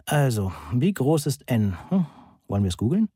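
Ein Mann spricht einen lässigen, ungepflegten älteren Mann mit langen Haaren in einem Hörbuch. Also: male voice, mid-range voice, sing-song, normal speed, warm tone, slightly rough, dry recording, clean studio sound. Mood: laid-back. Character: scruffy older male student with long hair, laid-back.

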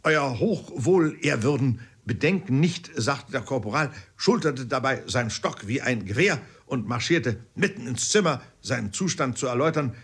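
A man reading a classic novel aloud in measured storytelling narration, with occasional fillers. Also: mid-range voice, animated, fairly bright tone, breathy edge. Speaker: audiobook narrator. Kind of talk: literary audiobook narration.

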